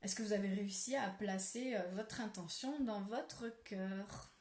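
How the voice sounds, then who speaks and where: Gentle woman hosting a live ritual. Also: medium pitch, a little slow. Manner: soft, gentle guidance with many fillers. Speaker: spiritual ritual host. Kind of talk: live-stream ritual, reading comments. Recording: roomy echo.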